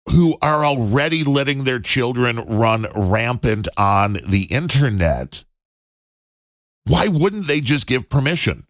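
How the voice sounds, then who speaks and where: A man's voice: mid-range voice, a bit bright, dry recording. Dry, sarcastic man ranting. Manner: sarcastic, exasperated, laughs at the news. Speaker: podcast host. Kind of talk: opinion commentary. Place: home studio in Illinois.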